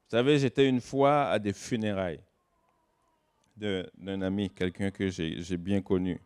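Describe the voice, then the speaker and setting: With a clear, resonant tone, a guest pastor delivers a sermon that moves from loud emphatic stresses to hushed low asides and back. He deliberately slows to stress important words.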